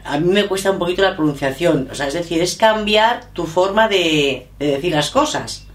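A woman's voice: lowish voice, lively intonation, normal speed. Hesitant middle-aged woman, roomy. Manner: hesitant, self-correcting, thinking aloud. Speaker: interviewee, learner of English. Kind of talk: casual chat. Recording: echoey room.

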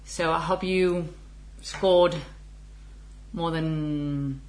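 Woman, forties, lowish voice, chatty teacher who laughs easily, casual lesson. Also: fairly even intonation, extremely slow, a little mellow. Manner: chatty, laughs often, switches between Spanish and English. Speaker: Spanish teacher.

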